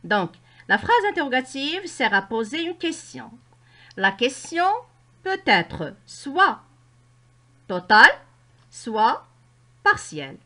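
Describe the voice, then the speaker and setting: A woman teacher with a Moroccan French accent, explaining a grammar lesson to children slowly and with careful articulation. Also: sits high, big pitch swings, sharp tone. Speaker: primary school teacher.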